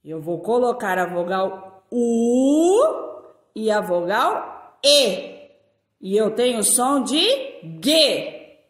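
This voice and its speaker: A Brazilian woman teacher with a Brazilian Portuguese accent leads young children through a lesson, stretching her syllables in a slow, sing-song way. Her voice is on the high side with lively intonation, and the room is echoey.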